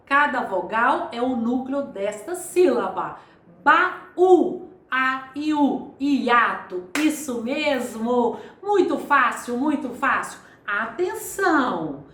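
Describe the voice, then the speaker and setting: High, lively-voiced woman teaching grammar slowly. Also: reverberant. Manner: didactic, repeats and spells out syllables slowly. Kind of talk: video grammar lesson.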